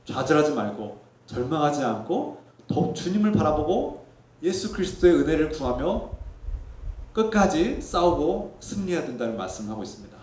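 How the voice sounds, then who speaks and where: A male pastor preaching a sermon in earnest tones, sometimes quietly reflective and sometimes emphatic. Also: sing-song, moderate pace, recorded from a distance. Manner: softens to a low reflective tone for personal testimony. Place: church sanctuary. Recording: echoey church sanctuary.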